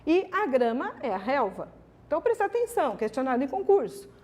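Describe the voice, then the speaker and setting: A woman's voice: sits high, a little fast. A woman teacher with a Brazilian accent giving an exam-prep grammar lesson. She asks herself her students' questions and answers them, and keeps checking with tags like "ok?". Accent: Brazilian Portuguese. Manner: lively, emphatic, many "ok?" and "né?" tags.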